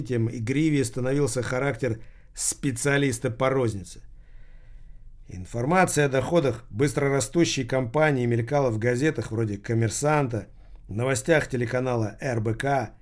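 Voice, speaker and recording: A man's voice: mid-range voice, normal speed. Man reading a thriller audiobook. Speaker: audiobook narrator. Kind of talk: scripted audiobook narration.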